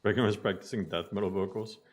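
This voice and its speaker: Low-voiced joking Bosnian-born streamer. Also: male voice, steady tone, quick pace. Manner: playful, jokey, mock mispronunciations. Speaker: game streamer. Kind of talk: casual gaming stream chat.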